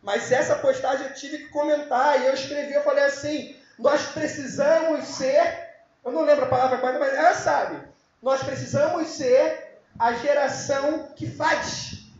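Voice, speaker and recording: A man preaching an informal youth sermon, joking and now and then breaking into shouts. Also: extremely high pitch. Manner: casual, joking, with bursts of shouting. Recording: very echoey, dull lo-fi room sound.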